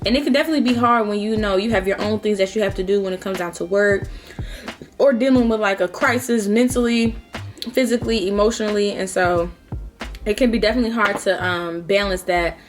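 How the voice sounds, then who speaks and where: Young female vlogger, mid-pitched, informal confiding chat to camera, clear background music. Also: fairly quick. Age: young adult. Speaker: mukbang vlogger. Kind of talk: casual chat to camera giving personal advice.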